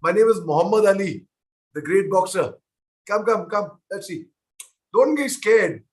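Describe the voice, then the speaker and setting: High-voiced man teasing kids on a video call. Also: lively intonation, measured pace. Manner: playful, teasing, talks directly to the kids. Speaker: guest answering children's questions. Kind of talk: playful webinar Q&A with children.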